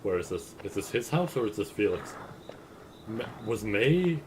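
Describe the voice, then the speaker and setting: A man with a fairly low voice and wide pitch swings comments casually at a normal speed while watching a horror video on stream, his reactions jumpy and anxious. He's in a room at home with a second monitor, and the background is noisy.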